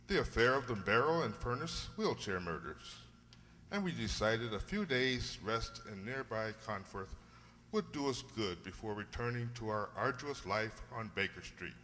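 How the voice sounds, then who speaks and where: A man's voice: medium pitch, animated, normal speed, bright, forceful tone, slight background noise. A man playing a genial, sentimental older English doctor telling a story in an old-time radio drama, hearty and avuncular. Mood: genial storytelling. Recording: hall-like long reverb.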